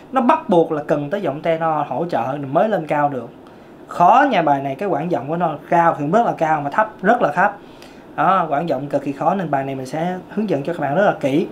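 A man's voice: fairly high pitch, a little hiss or hum. A man with a Southern Vietnamese accent and a tenor voice, teaching a singing lesson as a vocal coach. He explains emphatically and repeats key points.

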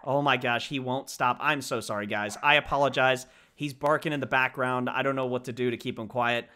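Excitable, gushing let's play host. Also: male voice, mid-range voice, a little fast, slight background noise. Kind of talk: gameplay commentary.

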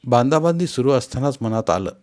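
A man narrating a novel in the first person, in an expressive, grave storytelling manner as an audiobook reader. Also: mid-range voice, brisk.

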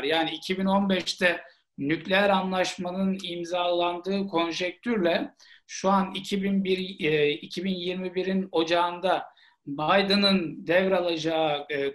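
High-pitched male seminar lecturer. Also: a bit bright. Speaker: seminar lecturer, Gulf studies expert. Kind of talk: online seminar question-and-answer. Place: small plain room indoors. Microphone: video call, earphone headset.

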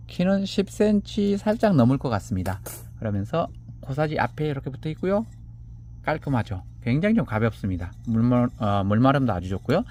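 Lively-pitched man casually selling pots. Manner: gentle, chatty, measuring items aloud. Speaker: seller presenting handmade pots. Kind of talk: casual sales presentation. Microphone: camera on a table.

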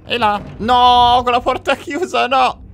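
A young man giving jokey, excitable let's play commentary on a horror game, talking to viewers and breaking into panicked yells. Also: extremely high pitch, unhurried. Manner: addresses viewers directly. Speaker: gamer playing a horror game.

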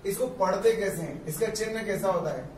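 Man, physics teacher, high-pitched, patient step-by-step lecture, far from mic in an echoey classroom. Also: darkish tone, slight background noise. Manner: explains step by step, repeating terms slowly.

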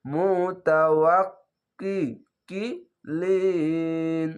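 A man teaching Quran reading, drawing out each word slowly in a chant, then explaining the rules in quick plain speech. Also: fairly high pitch. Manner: drawn-out chanting of words between quick explanations. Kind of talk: slow spelled-out recitation lesson.

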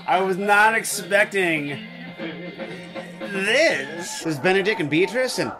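A man's voice: high voice, expressive, takes it slowly, low-quality recording. Man in his 30s chatting about movies, laughs a lot, voice jumps around, music behind. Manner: playful, laughing, exclaiming. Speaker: co-host. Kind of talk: casual movie chat. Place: basement room lined with shelves.

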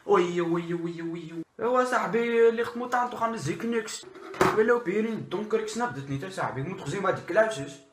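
A man's voice: sits high, animated, normal speed, slight background noise, voice pushed up. A young man playing an impatient, bossy Moroccan-Dutch burglar in a comedy sketch, scolding and repeating himself in Moroccan Dutch street slang. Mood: exasperated. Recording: roomy echo of a bare room.

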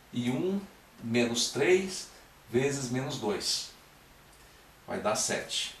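Recorded classroom-style, this lecture has a man teaching math step by step while often checking in with students. He speaks in a mid-range voice, and there's a little hiss or hum. The room echoes and the microphone is distant.

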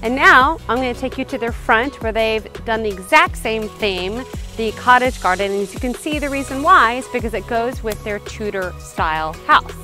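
A woman's voice: on the high side, expressive, moderate pace, bright, forceful tone, soft background music. A woman, giving a casual, upbeat garden tour outdoors and explaining as she walks, recorded on a handheld camera. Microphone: handheld camera, selfie framing.

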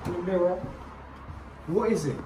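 A man's voice: sits high, a little slow, heavy background noise. A young man, arguing his point with friends as they explore an abandoned building. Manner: argumentative, keeps insisting. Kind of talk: casual chat while exploring. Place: dark abandoned building indoors. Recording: echoey room picked up by phone.

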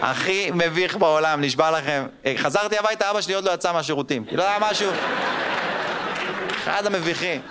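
A man in his thirties tells his stories on a theater stage, his voice a little high and full of swings between squeaky and gruff tones. Loud crowd laughter rolls in around him in this live show recording. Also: very noisy. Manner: animated, jumps into squeaky child and gruff mother voices. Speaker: stand-up comedian. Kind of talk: stand-up storytelling.

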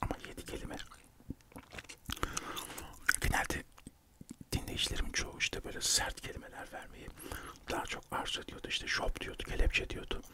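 A man whispering a relaxed ASMR chat while chewing gum, telling stories in a rambling, talkative way. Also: fairly quick, pauses often. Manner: chatty, rambling storytelling. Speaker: ASMR video creator.

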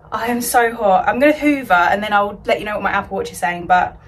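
A woman's voice: mid-range voice, brisk, a little hiss or hum, low-quality recording. A woman chatting casually to her phone camera while sorting her bedroom, rambling and self-deprecating. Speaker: home vlogger. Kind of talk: casual vlog chat to camera. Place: bedroom at home, indoors.

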